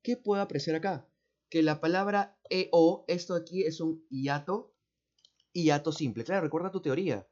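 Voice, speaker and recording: A man with a Peruvian accent walks through exam answers like a patient teacher, going slowly and repeating key words. His voice sits a bit high for a man. The recording sounds dull and muffled. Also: a little mellow. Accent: Peruvian Spanish. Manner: slow, repeats words, asks "¿no?" and "¿cierto?" often. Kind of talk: explaining exam answers step by step.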